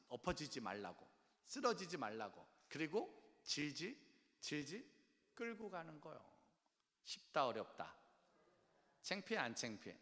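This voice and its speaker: A man preaching a revival sermon as pastor, swinging between loud exhortation and quiet low lines and firing questions at the congregation. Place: large church worship hall. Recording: long church hall reverb.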